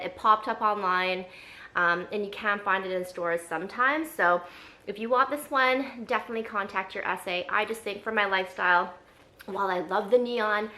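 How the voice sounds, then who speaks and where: Chatty bright-voiced woman vlogger. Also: medium pitch. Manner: chatty, enthusiastic, frequent ums. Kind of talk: casual unboxing chat.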